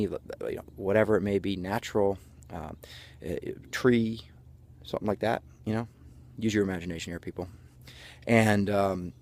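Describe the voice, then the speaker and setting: Low-pitched man giving a breathless pep speech. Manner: breathless from exertion while walking; folksy, jokey self-narration in the third person. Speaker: motivational coach. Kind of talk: halftime pep speech to camera.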